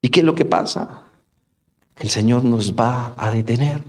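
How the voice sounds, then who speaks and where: A man preaches a radio sermon, his voice sitting at an ordinary middle pitch. He keeps posing rhetorical questions and turning to his listeners as brothers. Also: normal speed, a little mellow. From Colombia. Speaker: pastor. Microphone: studio microphone for radio broadcast.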